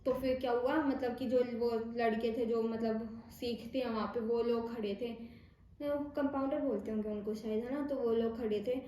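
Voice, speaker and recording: A young woman with a Rajasthani accent tells a personal story in a loose, chatty way, acting out what others said and often calling her listeners "bhai". Her voice sits high. It rings through a very echoey room over a faint hum of ambient noise. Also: steady tone, moderate pace, warm tone. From India. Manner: chatty, retells dialogue, frequent "bhai". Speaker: vlogger. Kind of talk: casual storytelling.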